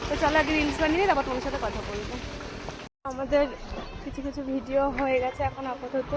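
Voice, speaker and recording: Chatty high-voiced young woman outdoors. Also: fairly even intonation, fast. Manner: chatty, addressing viewers directly. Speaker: vlogger. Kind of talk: casual outdoor vlog chat. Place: outdoors on sunny streets. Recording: noisy outdoor phone recording.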